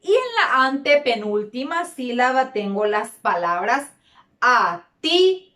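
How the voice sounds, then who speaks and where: Woman, teacher, children's lesson, deliberate, repetitive, roomy echo. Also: a little high, animated, sharp tone. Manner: repeats key words, stretches words out. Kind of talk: slow, deliberate classroom lesson.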